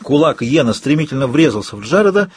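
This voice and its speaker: Husky male audiobook narrator. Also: medium pitch, sing-song, fast talker, dry recording.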